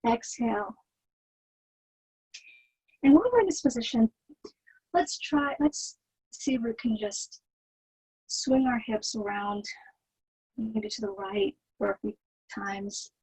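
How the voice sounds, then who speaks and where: A woman teaching yoga, guiding the poses in a soothing, gentle manner with a slightly husky, breathy voice. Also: fairly high pitch, sing-song, takes it slowly, pauses often, rough recording. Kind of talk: guided yoga instruction.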